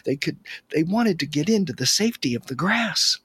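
A man telling an animal tale aloud, expressive and slipping into whispers for suspense. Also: on the high side, normal speed, no echo. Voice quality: husky. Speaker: storyteller. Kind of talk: animated oral storytelling.

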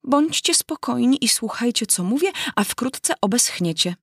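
A woman's voice: a little high, lively intonation, slightly rough, no room sound, studio quality, voice pushed up, full character voice. A woman voicing a self-important mouse in a storybook reading, speaking in a prim, lecturing way. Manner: prim, lecturing, quickly irritated.

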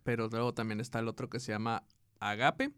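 A man's voice: mid-range voice, fairly even intonation, fairly quick, fairly bright tone, smooth, no room sound. Laid-back Mexican man, dry close sound. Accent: Mexican Spanish. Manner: laid-back, reads aloud with laughs. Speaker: podcast co-host. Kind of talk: casual chat.

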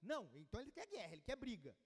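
A man's voice: very high voice, huge pitch swings, very fast, slightly rough, exaggerated voice. A man doing an exasperated ranting king. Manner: exasperated, ranting, rhetorical questions. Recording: long hall reverb.

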